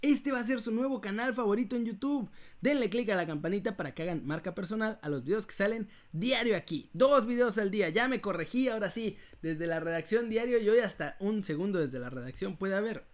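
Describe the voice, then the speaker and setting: A man with a Mexican accent hosting a casual live giveaway, speaking to viewers like a playful, animated prize announcer. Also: high voice, brisk. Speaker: host of an online news channel running a live giveaway.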